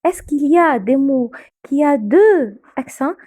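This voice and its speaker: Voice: high-pitched, animated, takes it slowly, dark tone, no echo, clean studio sound. A woman teacher playing a curious pupil who politely asks the teacher questions.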